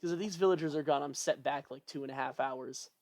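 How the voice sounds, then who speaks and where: A person giving casual let's-play commentary, rambling and thinking out loud in a fretful, chatty way. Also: medium pitch, fast. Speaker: gameplay commentator.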